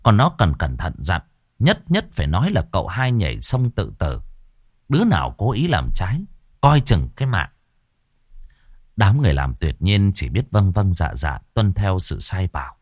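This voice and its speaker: A man narrating an audiobook story in an expressive, dramatic way. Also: sits low, moderate pace, dry recording, clean studio sound.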